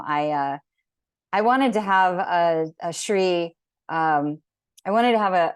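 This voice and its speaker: A woman's voice: low-pitched, no echo, studio quality. A woman teaching a geometry class over a video call, talking in an enthusiastic, rambling way with many fillers and restarts. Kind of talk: online class talk.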